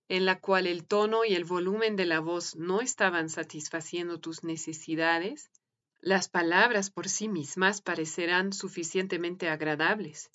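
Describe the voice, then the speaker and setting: A woman giving a slow, gentle, measured reading of a written piece. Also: on the low side, lo-fi sound. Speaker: reader of translated articles. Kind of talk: calm scripted reading.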